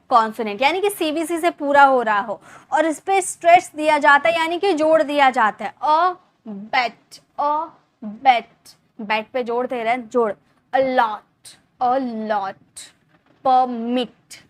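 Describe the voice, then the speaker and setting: A young woman teaching English grammar in Hindi, explaining step by step, repeating words slowly and asking her class questions. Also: high voice, no room sound. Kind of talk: Hindi-language grammar lesson.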